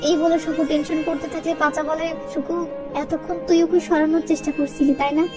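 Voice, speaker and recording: A woman narrating a film recap, reading out every character in brisk storytelling. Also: sits high, flat delivery. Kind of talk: fast movie recap narration. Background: background music.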